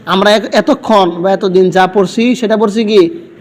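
High-voiced man teaching Quran reading. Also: steady tone, darkish tone. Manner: asks questions and leaves the last word for students to finish; sounds out Arabic letters and syllables slowly.

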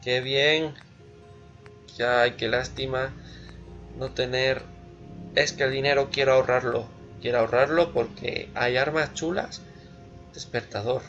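A male gamer comments casually as he plays, musing aloud in a playful way. His voice is mid-pitched, on a slightly dull recording with faint game music behind it. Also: fairly even intonation, a little slow, long pauses, a bit bright. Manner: playful, muses aloud, repeats words. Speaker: gamer, let's play host.

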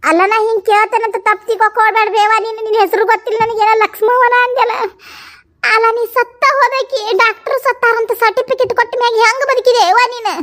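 North karnataka woman in a comedy skit, super high voice, rattles off blunt nagging questions quick. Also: steady tone, fairly bright tone. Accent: North Karnataka Kannada. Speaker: comedy sketch performer.

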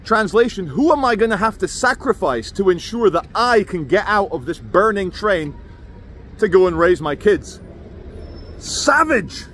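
A man's voice: high-pitched, animated, moderate pace, a bit bright. A man in his thirties or forties giving an intense, rambling opinion monologue to camera, with a slight whistle on his "sh" sounds. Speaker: vlogger. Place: busy open city square outdoors. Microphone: phone at arm's length. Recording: noisy outdoor city ambience with traffic.

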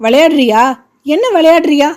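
Woman voicing hot-tempered young man for a storybook reading, barks and scolds quickly, high voice. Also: close to an everyday voice. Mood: shouting. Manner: shouting, scolding, fast and brusque. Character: angry domineering young man, a car driver.

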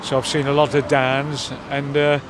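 A man's voice: medium pitch, monotone, normal speed. Older man, hesitant, many ums, street interview, traffic noise behind. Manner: thoughtful, hesitant with many fillers. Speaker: interviewed fan. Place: outdoors by a stadium car park. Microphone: handheld mic held by interviewer.

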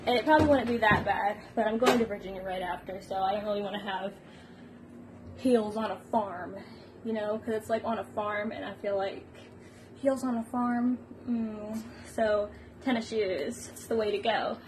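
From a small bedroom, a young book vlogger talks into a phone held at arm's length, rambling casually with fillers and giggles. Her mid-range voice keeps a fairly even intonation at normal speed, in a low-quality recording with slight background noise.

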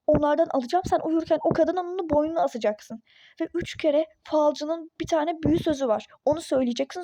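A meddling, superstitious girlfriend in a phone-game role-play story, as a woman voices her. She nags insistently in a high, mellow voice. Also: a little hiss or hum. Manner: insistent, nagging, conspiratorial. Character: pushy superstitious young woman friend, meddling.

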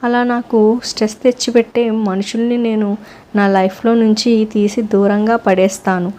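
A woman's voice: mid-range voice, flat delivery, moderate pace, warm tone, natural voice. Woman voicing young man, cocky, breezy, storybook reading. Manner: casual, brushing things off.

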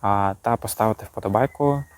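A man's voice: lowish voice, fairly quick, clean tone, no room sound, poor audio. A man teaching an English grammar lesson, explaining rules and then reading word pairs and example sentences aloud.

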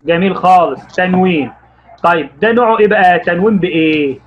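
A man with an Egyptian Arabic accent teaching young pupils online, encouraging them and quizzing them by name, stretching out words slowly as he reads. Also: sits high, muffled recording, a little hiss or hum. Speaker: primary school Arabic teacher.

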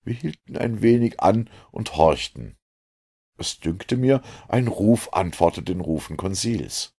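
A man reads an adventure story aloud in a low, husky voice. His delivery is dramatic and expressive, with a lot of rise and fall in his intonation. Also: a little slow. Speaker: audiobook narrator. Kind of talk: dramatic audiobook narration.

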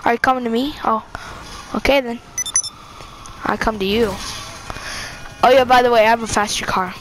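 A woman giving casual, excitable gameplay commentary, giggling often, talking to her viewers and yelling at other players. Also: on the high side, normal speed, slight background noise. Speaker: gameplay streamer.

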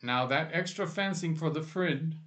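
A man's voice: a little high, normal speed, fairly bright tone, close to an everyday voice. A man reading aloud voices a small, precise, dry-humoured uncle.

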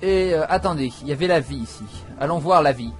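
Excitable gamer, higher-pitched man, casual play-by-play with loud outbursts and cursing. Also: fast talker, soft background music. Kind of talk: casual gameplay commentary.

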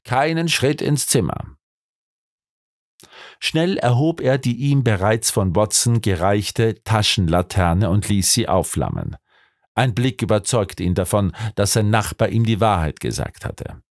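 A man narrating a detective audiobook in an expressive storytelling manner. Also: lowish voice, a little slow, no room sound, studio quality. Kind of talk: scripted narration.

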